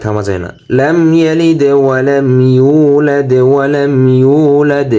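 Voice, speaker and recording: A man's voice: mid-range voice, darkish tone, dull audio. A man with a Bangladeshi Bengali accent teaching Quran reading, spelling out each word letter by letter and repeating every syllable. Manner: breaks words into letters and vowel marks, repeating each syllable. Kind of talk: spelling-out Quran recitation lesson.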